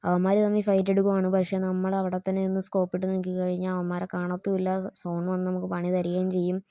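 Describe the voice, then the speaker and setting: A woman's voice: on the low side, completely flat delivery, fast talker, mellow, no room sound, studio quality. A woman hosting a gaming channel, giving casual gameplay commentary and chatting to viewers as she plays. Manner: chatty, keeps addressing viewers as guys.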